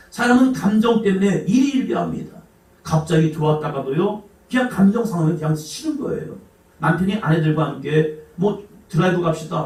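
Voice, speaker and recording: Korean pastor preaching in an echoey hall. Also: male voice, on the high side. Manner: dramatic swings from shouting to hushed asides. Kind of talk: sermon. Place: church sanctuary. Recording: echoey church hall, mic at a distance.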